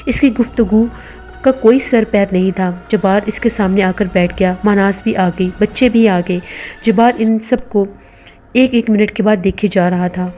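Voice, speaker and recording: Mellow woman narrating a horror novel. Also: medium pitch, moderate pace, soft background music. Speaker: storyteller.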